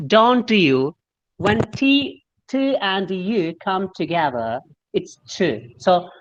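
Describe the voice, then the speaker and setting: The audio is muffled as a man from Kerala, India, with a Malayali English accent, coaches pronunciation online in a friendly way. His high, fairly bright voice is sing-song and slow, and he frequently breaks words into individual letters while explaining and demonstrating.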